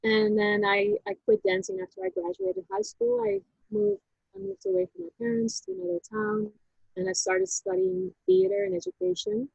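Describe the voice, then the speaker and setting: A woman speaks in a very high voice full of gravelly fry. She tells her story haltingly and reflectively, restarting her sentences often. The recording is dry and dull, with a lo-fi sound. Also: a little mellow, no echo. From Netherlands. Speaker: interview guest. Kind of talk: personal story in a casual interview.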